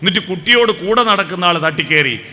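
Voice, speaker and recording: A man's voice: high voice, expressive, quick pace, sharp tone. A man with a Kerala Malayalam accent giving a devotional talk, telling stories, asking rhetorical questions and breaking into sung verses. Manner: storytelling, sings snatches of hymns, rhetorical questions. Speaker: spiritual speaker.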